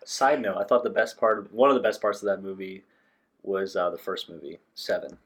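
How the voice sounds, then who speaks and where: A young man in casual chat with friends, often pausing to search for his words. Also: deep voice, fairly bright tone.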